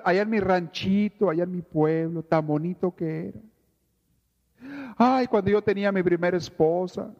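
A man's voice: high voice, a little mellow, pitched above the performer's own voice. A man voicing a nostalgic middle-aged man who whines and sighs about the past. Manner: plaintive, whiny sighing. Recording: reverberant lo-fi church recording.

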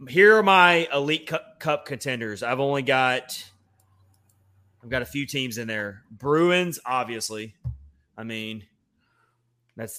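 Southern tennessee guy hosting a sports podcast, really bright forceful voice, chatty. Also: mid-range voice, smooth. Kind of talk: casual sports talk.

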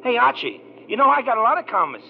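Creaky, high-voiced dim cab driver. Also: male voice, very animated, full character voice. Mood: dim, earnest. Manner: slow-witted, folksy, ungrammatical drawn-out talk. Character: dim-witted, cheerful male cab driver, uneducated and literal. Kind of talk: 1940s radio comedy-mystery acting. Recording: noisy, dull old radio recording.

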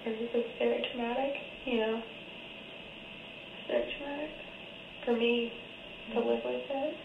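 Lady on an old interrogation tape, kinda high voice, halting and rambly, roomy muffled sound w/ hiss. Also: steady tone, vocal fry. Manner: halting, rambling account with restarts. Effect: old interrogation tape recording. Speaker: murder suspect under interrogation. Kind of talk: police interrogation statement. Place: police interrogation room.

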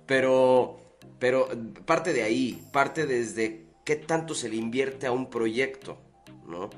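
A man's voice: medium pitch, slow pace, soft background music. A man on a podcast panel, discussing analytically and casually, often ending points with a tag question.

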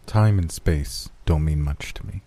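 A man reading a horror story, voicing a calm, lonely bodiless entity. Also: extremely low pitch, unhurried, no echo.

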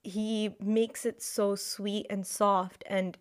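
A woman's voice: mid-range voice, takes it slowly. Chatty woman podcast co-host. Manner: chatty, animated, lots of "like". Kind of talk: casual chat.

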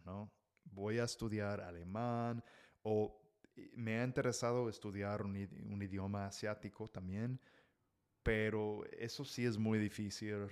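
With a darkish, lowish voice, this male podcaster speaks solo and informally to language learners. He's an adult and married, and his talk is full of fillers, self-corrections, restarts and Mexican slang.

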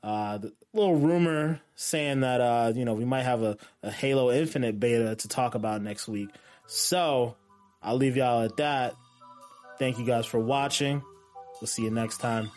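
A man hosting a casual gaming podcast, talking in a relaxed, rambling way. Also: medium pitch, moderate pace, faint music behind. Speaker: podcast host. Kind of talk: casual chat.

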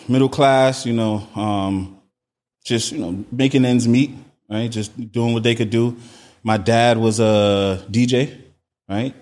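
A man's voice: mid-range voice, a little mellow. Laid-back man, a guest. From Miami, Florida. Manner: laid-back, peppers speech with "right?". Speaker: podcast guest. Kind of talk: casual conversation.

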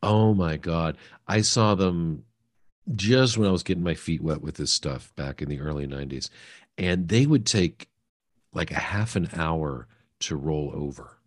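A man hosting a podcast interview, talking in a relaxed conversational way with self-deprecating asides. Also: deep voice, measured pace. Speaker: podcast host.

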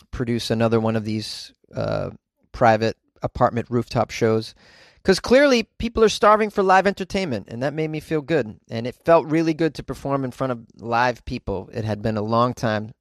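A man hosting a comedy podcast from inside a closet, riffing in an animated, caffeinated, goofy way and repeating phrases for effect. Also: mid-range voice, moderate pace, no room sound, clean studio sound. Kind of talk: comedic news commentary and rambling monologue.

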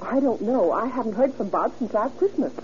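An actress playing a respectable, worried American housewife in an old radio drama, earnest and expressive. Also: female voice, a little high, a little fast, natural voice. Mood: defensive. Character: respectable, anxious American housewife burgled by sailors. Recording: muffled, noisy old radio recording.

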